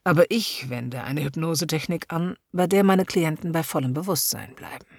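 A woman voicing a smooth-talking male hypnotist who speaks slowly and coaxingly, often close to a whisper. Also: sits low, no echo, exaggerated voice. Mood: smooth persuasive. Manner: slow, soft and coaxing, often near a whisper.

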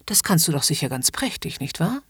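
A woman's voice: deep voice, sing-song, fairly quick, a bit bright, breathy edge, no room sound, exaggerated voice. A woman voicing a haughty, domineering upper-class lady in a commanding, mocking whispered role-play.

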